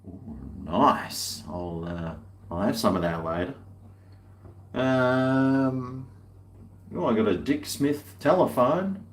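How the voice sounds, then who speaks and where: A man's voice: mid-range voice, lively intonation, slow, long pauses, a little hiss or hum. An Australian man filming a casual vlog at home on a handheld camera, rambling and muttering to himself. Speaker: vlogger. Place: at home, large empty house.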